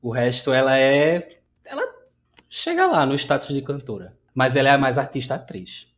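A man's voice: medium pitch, sing-song, normal speed. A man hosting a podcast, chatting casually and enthusiastically. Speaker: podcast host. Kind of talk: casual chat.

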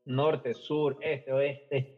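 A man's voice: medium pitch, level tone, very slow, slightly rough, phone-quality sound. A man with an Ecuadorian accent, a guest in a casual interview chat, talking hesitantly and restarting his words often.

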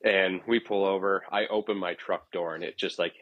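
Low husky-voiced man telling road stories. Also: normal speed, dry recording, phone-quality sound. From Ohio. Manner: relaxed, rambling with restarts and chuckles. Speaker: podcast guest. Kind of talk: casual storytelling.

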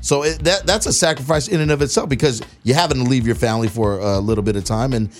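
A man's voice: mid-range voice, quick pace, faint music behind. A man hosting a radio talk show from a studio, upbeat and laughing, with frequent hesitations.

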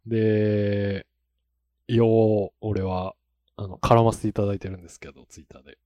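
A man with a lowish voice co-hosts a relaxed podcast, chatting loosely and breaking into chuckles as he goes. The sound is close and dry, with no room around it. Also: normal speed, dry recording. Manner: chuckles often, rambling. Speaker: podcast co-host. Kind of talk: casual podcast chat.

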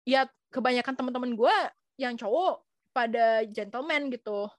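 Young woman, slightly high voice, chatty storyteller, dry close sound. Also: normal speed, dry recording. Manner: chatty storytelling in slang, acting out quoted voices. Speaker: guest sharing experiences abroad. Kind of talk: casual chat.

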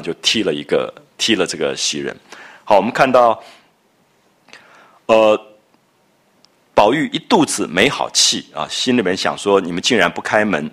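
A man giving a relaxed, conversational lecture on a classic novel, retelling scenes and explaining them. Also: fairly low pitch, husky. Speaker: literature lecturer.

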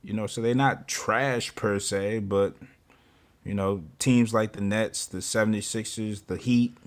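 A man's voice: on the low side, fairly even intonation, unhurried. A man co-hosting a casual sports talk show, laid-back and joking, steering the topics. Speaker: podcast co-host.

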